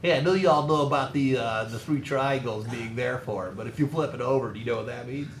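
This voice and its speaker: A man's voice: mid-range voice, fast talker, noisy background, natural voice. A man teacher mimicking a nerdy know-it-all student in a showing-off tone, in an echoey classroom. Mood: mock-nerdy.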